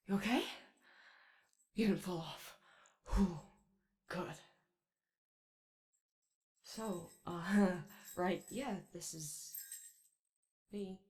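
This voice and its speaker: A woman voicing an excitable, gentle animatronic sun attendant who rambles hesitantly and chattily in an ASMR comfort roleplay. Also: medium pitch, extremely slow, long pauses. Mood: eager, giggly. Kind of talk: ASMR character roleplay, improvised-sounding comfort monologue.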